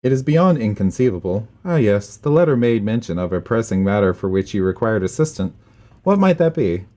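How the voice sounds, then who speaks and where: A gallant knight commander who puts guests at ease, read aloud by a man. The voice is on the low side and rises and falls with plenty of life. Each line is formal and dramatic, like game dialogue. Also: sing-song, fairly quick, dark tone. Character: gallant, warm-hearted male knight commander.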